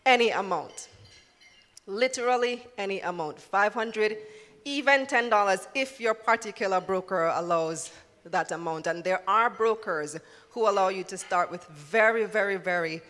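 A woman's voice: mid-range voice, a bit bright. Woman speaking in an echoing hall. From Jamaica. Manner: engaging, asks the audience questions. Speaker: finance journalist and media founder giving a talk. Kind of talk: live talk to an audience. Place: hall with a live audience. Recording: reverberant hall.

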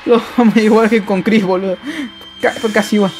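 A man with an Argentine accent commenting on a horror game as he plays, jumpy and excitable, yelping, laughing and swearing casually. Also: high voice. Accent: Argentine Spanish. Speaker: gameplay streamer.

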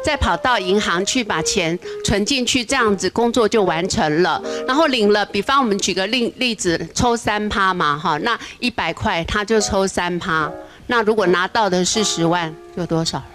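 A woman police officer talks in a casual, explanatory way on a TV talk show, with a lot of "ha" tags between phrases. Her voice sits at a middle pitch, and clear background music plays under it. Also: normal speed. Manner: explanatory, with frequent "ha" tag particles.

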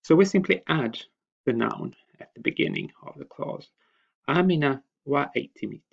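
A man giving a recorded slide lecture, explaining step by step with hesitant pauses and frequent filler sounds. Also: fairly high pitch, expressive, vocal fry, husky. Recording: dull lo-fi voice recording.

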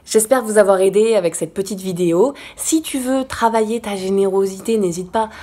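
A woman's voice: medium pitch, a little fast, dark tone. A woman vlogger giving casual, encouraging advice straight to the viewer, chatty with frequent fillers. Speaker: lifestyle vlogger.

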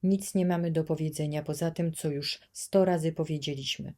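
A woman's voice: sits low, fairly even intonation, moderate pace, dark tone, natural voice. A woman voicing a devout young girl who answers steadily and firmly, in an audiobook reading.

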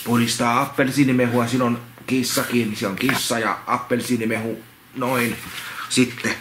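A man's voice: medium pitch, level tone. Rambling man reading a picture book. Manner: repetitive, halting, full of restarts and asides. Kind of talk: casual read-along with rambling commentary. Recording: roomy echo, faint background noise.

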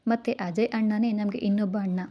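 A cheerful young sister-in-law from a storybook romance, voiced by a woman reading aloud. She speaks encouragingly at a medium pitch. The recording is muffled and lo-fi. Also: fairly even intonation, a little fast, natural voice.

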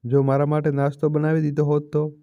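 A man reading as a gentle old mother. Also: on the high side, completely flat delivery, a little fast, lo-fi sound, close to an everyday voice. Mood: gentle sorrow. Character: elderly widowed mother, gentle and patient.

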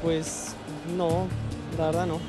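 Male passer-by, hesitant, filler-heavy answers, slightly high voice. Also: monotone, slow pace, over music. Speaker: interviewee. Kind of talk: street interview.

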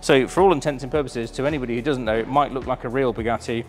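In a large warehouse showroom, a chatty, enthusiastic man presents a preview of a car auction, his speech full of ums. He has a medium-pitched voice and talks fast, with soft music in the background.

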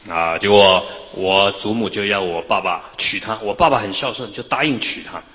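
Forceful low-voiced monk preaching. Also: male voice. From Taiwan. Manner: storytelling, with frequent drawn-out interjections. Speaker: Buddhist master. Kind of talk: Buddhist dharma talk. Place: temple lecture hall. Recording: long hall reverb.

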